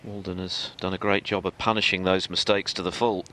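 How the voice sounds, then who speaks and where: Deep, bright-voiced male snooker commentator. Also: flat delivery, fairly quick, slight background noise.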